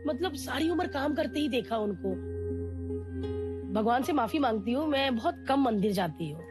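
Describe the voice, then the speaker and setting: A woman guest telling a candid, emotional personal story in a lively way, often acting out what others said to her. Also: sits high, moderate pace, over music. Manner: candid, animated, acts out quoted voices.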